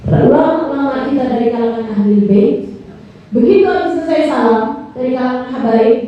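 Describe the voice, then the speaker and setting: A woman preacher giving an animated, sing-song sermon and acting out the voices she quotes, heard from far off in a hall. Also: high voice, fairly quick, dull audio. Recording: echoey hall, voice from far off, faint noise.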